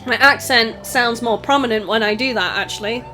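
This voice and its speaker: A woman livestreamer and gamer from Northwest England, with a Scouse accent touched by Welsh, chats casually through her gameplay and reads out chat. Her high-pitched voice is bright, forceful and projected at a moderate pace into a desktop USB mic, with soft music in the background.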